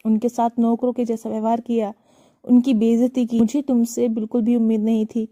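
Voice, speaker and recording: A woman voicing a grown son who shouts at his wife in anger for mistreating his parents. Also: fairly high pitch, level tone, brisk, dry recording, studio quality, lightly acted. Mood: furious.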